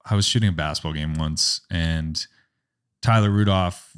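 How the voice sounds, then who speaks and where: A young man with a lowish voice tells a story in a relaxed podcast chat. He rambles and fills his talk with "like", acting out what people said to him. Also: normal speed, smooth. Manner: animated, rambling, heavy use of "like", acts out quotes. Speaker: photographer and business owner, podcast guest. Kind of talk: casual storytelling in a podcast interview.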